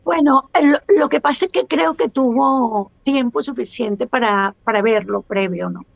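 A woman's voice: on the high side, unhurried, gravelly, dry recording, muffled recording. A Venezuelan woman in her sixties, a guest speaking on a video call, thoughtful and hesitant with many restarts. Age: 60s. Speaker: guest, actress. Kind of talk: casual interview chat.

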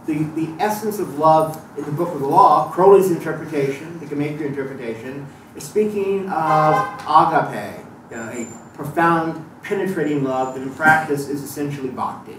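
A man's voice: on the high side, moderate pace, a bit bright, far from the mic. A man giving a live lecture to an audience, thoughtful and digressive, with frequent restarts and fillers. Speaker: lecturer on Thelema. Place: lecture room. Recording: echoey room recorded from afar, faint noise.

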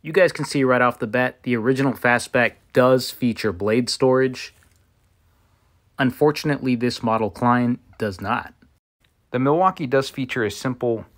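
A man giving a casual product review of tools, with wry, joking asides. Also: medium pitch. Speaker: tool reviewer.

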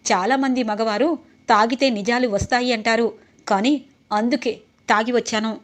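A woman's voice: a little high, fairly even intonation, normal speed, natural voice. A woman reading the lines of an angry, defiant young man who has been drinking.

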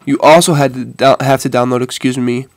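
A man's voice: medium pitch, fairly even intonation, fairly quick, dry recording. A man sick with a head cold and a stuffy nose, giving a casual, hesitant tech tutorial to viewers. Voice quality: congested, stuffy-nosed. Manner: hesitant, informal, addresses viewers as "guys". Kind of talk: casual phone demonstration.

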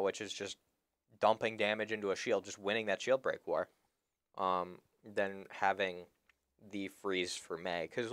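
A young man with a fairly low voice casts a competitive video game match. He explains the mechanics patiently and in detail. He is chewing food between sentences. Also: clear, resonant tone, dry recording, clean studio sound. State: talking while chewing food. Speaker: esports caster. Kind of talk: esports game commentary.

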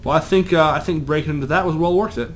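A young let's play gamer talks quickly in a fairly high voice, rambling casually about the game and teasing himself along the way. Faint noise sits behind his commentary.

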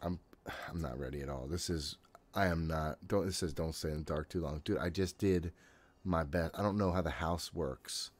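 With a very deep voice at a moderate pace, a man in his thirties streams a horror game from a small home room. His casual commentary is nervy self-talk peppered with swearing.

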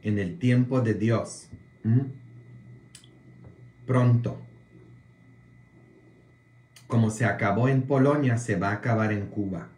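Polish-born male priest, casual viewer talk, very slow, roomy echo, keeps tossing in "mm?" checks. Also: lowish voice, a little mellow. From Poland. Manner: slow, drawn-out delivery with frequent "mm?" tag questions.

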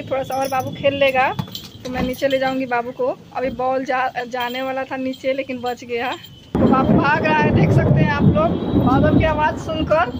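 A woman's voice: high voice, background noise. A woman vlogging to her viewers on a rooftop while she plays with her dog, chatty and repetitive, sometimes talking to the dog. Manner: chatty, repeats herself, talks to her dog. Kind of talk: casual vlog narration to viewers. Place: rooftop outdoors during thunderstorm. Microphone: phone camera.

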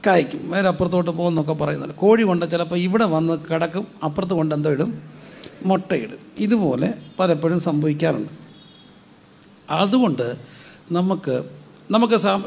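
A man's voice: high-pitched, vocal fry, darkish tone. A male pastor preaching a sermon, asking the congregation questions and having them repeat answers.

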